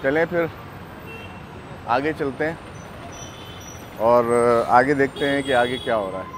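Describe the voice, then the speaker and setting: A middle-aged man from Pakistan narrating a casual walking travel vlog outdoors on a lapel mic, unhurried and chatty with many fillers. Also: mid-range voice, low-quality recording. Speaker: travel vlogger. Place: busy city street outdoors. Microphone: clip-on lapel mic. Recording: outdoor street noise. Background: street traffic.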